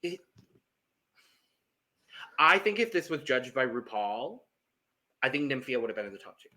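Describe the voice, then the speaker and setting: Bright-voiced male podcast reviewer. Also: mid-range voice, very animated, moderate pace. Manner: opinionated, moves the review along. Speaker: podcast co-host. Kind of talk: casual chat, episode review.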